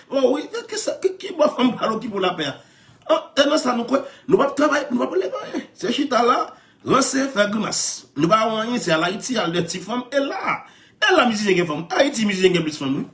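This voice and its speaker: A man with a Haitian Creole accent talks in a high voice that swoops up and down. He tells his stories excitedly, laughs often and keeps repeating his phrases. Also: brisk. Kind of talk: animated storytelling chat.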